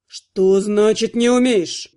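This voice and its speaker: A woman's voice: mid-range voice, fairly even intonation, slow pace, warm tone, voice pushed down, lightly acted. A woman voicing a stern, cold male necromancer magister who speaks curtly and with irritation, in an audiobook. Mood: irritated stern. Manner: curt, irritated. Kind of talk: audiobook narration.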